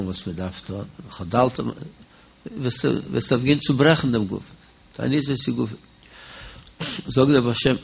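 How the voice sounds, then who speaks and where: A low-voiced man talks quickly through a religious teaching, his voice rough with gravel. He circles back over the same phrases and throws out questions, then answers them himself. A faint hiss sits under the recording. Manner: repetitive, poses and answers his own questions. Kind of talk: spoken religious discourse.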